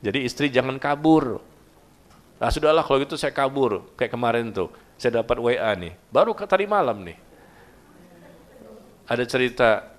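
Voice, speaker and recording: A man's voice: medium pitch, creaky. A male preacher giving a casual, conversational sermon, asking his listeners questions and acting out little dialogues. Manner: conversational, asks the audience questions and acts out dialogue. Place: mosque gathering.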